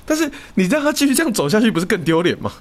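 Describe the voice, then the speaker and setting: A young man from Taiwan, co-hosting a podcast in casual chat, telling stories quickly with lots of swearing. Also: high voice. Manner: rapid, swearing, animated storytelling. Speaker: podcast co-host.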